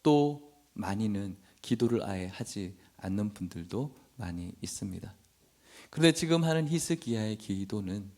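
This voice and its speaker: A man's voice: fairly low pitch, a little mellow. A male pastor preaching a sermon, at times voicing emotional, pleading prayers aloud.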